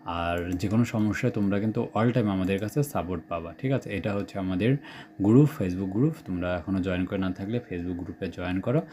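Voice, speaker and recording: Brief: young male Bangladeshi Bengali tutor, low mellow tone, faint hum behind. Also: a little fast. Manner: reels off numbered question lists, checks in with students often. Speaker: exam-prep teacher. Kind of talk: screen-share exam suggestion walkthrough.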